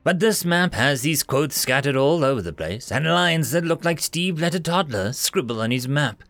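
Guy doing a joking young explorer dude, upbeat, lively pitch, faint music behind. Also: moderate pace, no echo. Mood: cheerful. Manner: upbeat and teasing.

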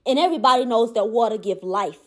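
Woman, high voice, impassioned motivational monologue, gentle but firm delivery. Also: fast. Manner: impassioned, repetitive emphatic phrasing.

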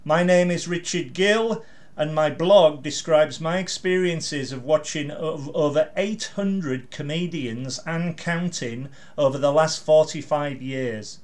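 Eager older man hosting, fairly high voice. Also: slow. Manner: eager, hesitant with many fillers. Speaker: interviewer, blogger. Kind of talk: interview host.

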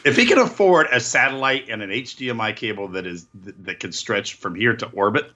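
A man's voice: mid-range voice, animated, fairly quick, pushed and bright, muffled recording. A man co-hosting a podcast in casual chat, rambling through absurd joking tangents. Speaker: podcast co-host.

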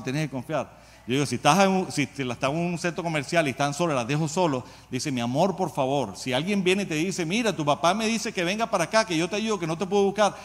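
Conversational preacher in a reverberant hall. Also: male voice, medium pitch, fairly bright tone. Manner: conversational, asks the congregation questions. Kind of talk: sermon.

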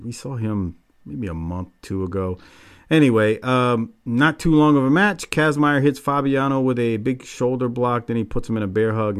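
Male podcast host, mid-pitched, dry and offhand, recapping wrestling in loose conversation. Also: smooth. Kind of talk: casual wrestling recap chat.

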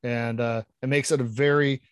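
A man's voice: mid-range voice, fairly even intonation, moderate pace, smooth, dry recording. A man in casual panel chat, talking with enthusiasm and rambling through many restarts. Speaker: podcast panelist.

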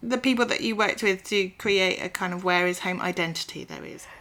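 A woman interviewer with a bright, forward voice asks her questions casually. She hesitates often, filling gaps with ums and uhs. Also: lowish voice, fairly quick. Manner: hesitant, with many fillers.

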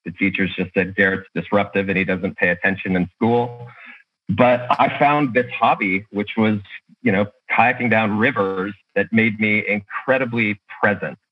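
A man's voice: fairly low pitch, fairly even intonation, moderate pace, muffled recording. A man speaking as a podcast guest, casually telling his own story over a remote call.

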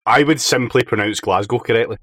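A man co-hosting a podcast who talks sarcastically and deadpan, swearing freely. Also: medium pitch, brisk, a little hiss or hum. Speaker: podcast co-host. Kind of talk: casual chat.

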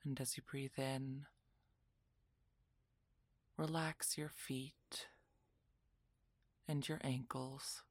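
Slow, low, soft half-whispering woman guiding meditation. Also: flat delivery, dry recording. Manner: soft, breathy, soothing delivery that often drops into a whisper. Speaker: guided meditation narrator. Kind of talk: guided relaxation meditation, scripted narration.

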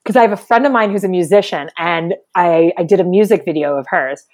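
A woman with a New York accent and a raspy chain-smoker voice, chatting casually and jokingly as a comedian guest. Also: fairly low pitch, a little fast, a little mellow. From Brooklyn, New York, United States. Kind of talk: casual chat.

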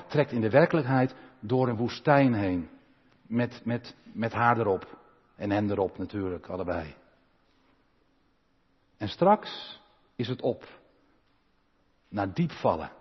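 A man preaching a sermon as pastor, earnest, with passages that swell louder and slow right down. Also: on the low side, breathy edge. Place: large church hall. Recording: long church reverb, dull lo-fi sound.

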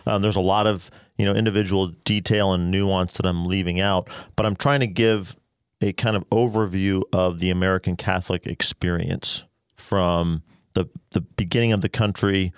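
Casting: very deep man, smooth and resonant, measured explainer, dry studio sound. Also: fairly even intonation, dry recording. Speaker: radio station manager and guest. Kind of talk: casual radio interview. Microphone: studio mic.

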